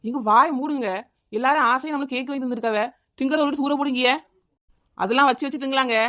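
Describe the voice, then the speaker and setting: Chinnaponnu, a chattering high-voiced housewife. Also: female voice, steady tone, fast talker, pushed and bright. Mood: bickering. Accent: Kanyakumari Tamil. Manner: chattering, wheedling, repeats the neighbour's name. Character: scatterbrained housewife Chinnaponnu, adult woman. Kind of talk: cartoon comedy dialogue.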